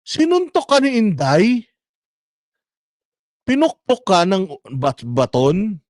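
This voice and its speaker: Man, vlog host, political rant, sarcastic, frequent swearing, high-pitched. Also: wildly swooping pitch, takes it slowly, a little mellow, no room sound, clean studio sound. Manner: mocking, sarcastic, swears often. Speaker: vlogger host.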